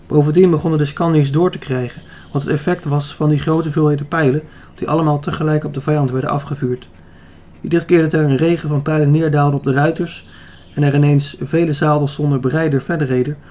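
A man narrates an adventure story as an audiobook, with steady, even storytelling. His voice sits a little above the usual male range. It has a warm, mellow tone. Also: fairly high pitch. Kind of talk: scripted narration.

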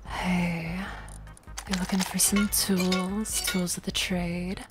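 A man's voice: high voice, little pitch movement, takes it slowly, loud music behind the voice, voice pushed up. A man talking through a voice changer filter that makes him sound like a girl, playfully pushing items on strangers in casual in-game trolling chat. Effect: voice changer filter making him sound like a girl.

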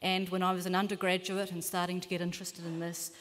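A woman in her fifties with a New Zealand accent, giving a measured, earnest keynote lecture as a climate scientist in a large lecture hall. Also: on the low side, little pitch movement, a bit bright. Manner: measured, earnest, occasional self-corrections. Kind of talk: formal conference lecture. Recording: long hall reverb.

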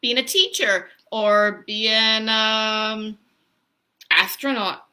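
A woman in her thirties, a story-time host and pastor, chats casually with children from a small room at home, explaining things simply and asking them questions. Her voice sits on the high side with a sharp tone, and she speaks extremely slowly. A laptop or phone held at arm's length picks her up.

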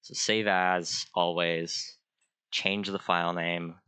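A man's voice: low voice, level tone, slow, pushed and bright, clean tone, dry recording. A young man, an art student, casually talking through a screen-recorded drawing tutorial in an offhand, self-deprecating way. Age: young adult.

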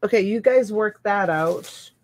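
A middle-aged woman hosting a live online auction from a room at home, counting items and calling bids slowly on a webcam. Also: mid-range voice, a little mellow.

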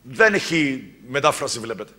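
A male pastor with a Cypriot Greek accent preaching a sermon, swinging between loud exclaimed lines and quiet asides. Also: medium pitch, very animated.

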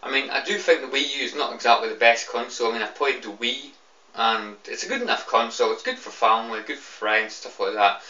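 Young British male, tipsy and fed up, ranting casually with repeats and swearing; sharp tone, dull roomy recording. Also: medium pitch, fast. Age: young adult. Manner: annoyed, repetitive, rambling, swearing. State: tipsy, drunk. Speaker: video game fan giving opinions. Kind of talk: casual off-the-cuff rant to camera. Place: small room indoors. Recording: roomy, distant, slightly dull webcam sound.

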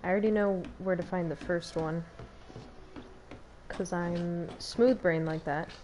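A woman's voice: lowish voice, fairly even intonation, measured pace, mellow, a little hiss or hum. A young woman giving casual gameplay commentary as a streamer, chatty and giggly, talking to herself. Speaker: game streamer.

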